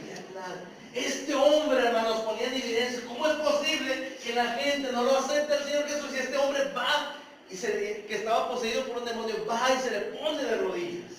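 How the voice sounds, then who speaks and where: A man's voice: very high voice, normal speed, fairly bright tone, slight background noise. A man preaching a sermon in church, earnestly asking his congregation questions. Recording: echoey church hall, mic far off.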